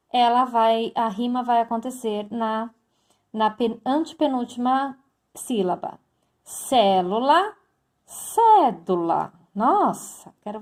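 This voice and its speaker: Slow-paced woman teacher explaining. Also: on the high side, darkish tone. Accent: Brazilian Portuguese. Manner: explanatory, addresses students directly, slow and deliberate. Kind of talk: recorded classroom lesson.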